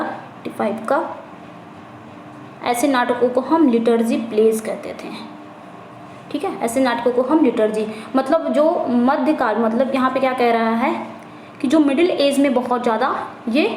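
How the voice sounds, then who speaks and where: A woman with a high voice teaches an exam-prep lesson. She reads each English question out slowly, then explains it in Hindi, repeating phrases as she goes. The recording is roomy and echoey, with a faint hiss behind her. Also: darkish tone. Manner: repeats phrases, corrects herself. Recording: echoey room, faint background noise.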